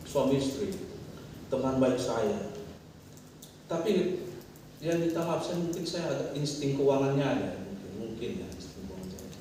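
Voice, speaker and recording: A man's voice: mid-range voice, warm tone, a little hiss or hum. A middle-aged pastor from Indonesia preaching a sermon in a conversational way, telling stories from his ministry with rising, emphatic passages. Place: church hall. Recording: echoey church hall from far off.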